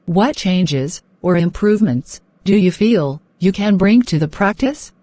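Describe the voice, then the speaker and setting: A woman's voice: on the low side, lively intonation, a little slow, dark tone, no room sound. A woman working as a speaking test examiner, reading out scripted questions and instructions in a polite, formal way.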